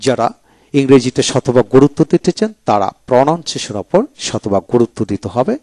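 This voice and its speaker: A man's voice: mid-range voice, expressive, brisk, warm tone, no room sound. A man teaching English pronunciation, spelling each word letter by letter and then repeating it.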